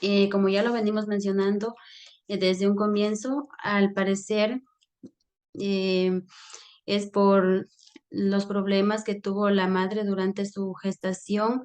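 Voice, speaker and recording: A woman student continuing a class presentation. She talks slowly and hesitantly, pausing often and filling the gaps. Her pitch sits in the middle range. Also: a little mellow. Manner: hesitant, many fillers and pauses.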